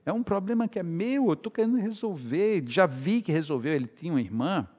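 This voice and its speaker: A man's voice: sits high, expressive, a little fast, a little mellow. A man with a Brazilian Portuguese accent giving a talk at a spiritist center, telling anecdotes and acting out both sides of the dialogue. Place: lecture hall. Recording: long hall reverb.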